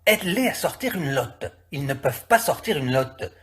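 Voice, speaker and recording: Man putting on a stern bossy landowner, commanding, firm and loud, storybook reading. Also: on the high side, very animated, moderate pace. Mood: impatient. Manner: severe, commanding.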